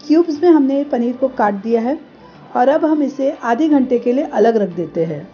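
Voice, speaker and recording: A woman giving calm, step-by-step voice-over cooking instructions as host of a home cooking show. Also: high-pitched, normal speed, lo-fi sound.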